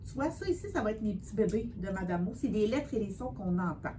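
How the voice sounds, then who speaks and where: A woman tutoring a child in spelling, patient and encouraging, sounding out words slowly. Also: medium pitch, lively intonation, warm tone, slight background noise. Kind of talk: one-on-one spelling lesson.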